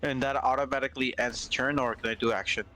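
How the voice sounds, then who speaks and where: A man's voice: mid-range voice, fairly even intonation, quick pace, noisy background. A man playing a tabletop game who hesitates and fumbles through the rules. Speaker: player. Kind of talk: casual tabletop play.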